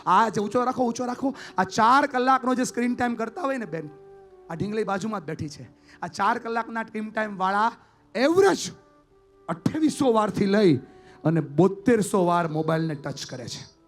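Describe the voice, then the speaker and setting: Impassioned high-voiced motivational speaker. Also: male voice, expressive, moderate pace, fairly bright tone, soft background music. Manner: impassioned, emphatic, acts out story characters; addresses the crowd directly and often. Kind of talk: live motivational speech to an audience. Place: school event before a live audience.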